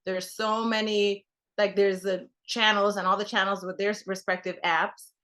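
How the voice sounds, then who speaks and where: A woman's voice: mid-range voice, little pitch movement, moderate pace, a bit bright. A young woman from Trinidad, a television producer talking casually as a guest, full of fillers and restarts. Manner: rambling, many fillers and restarts. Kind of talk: casual conversation.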